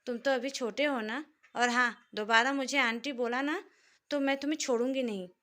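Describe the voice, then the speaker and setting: A hot-tempered young woman from a spoken storybook scolds and fusses in a raised, higher voice, as a woman narrator puts her on. She talks fast and dramatically. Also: lightly acted. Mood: excited, scolding. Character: irritable young wife's friend, dramatic woman.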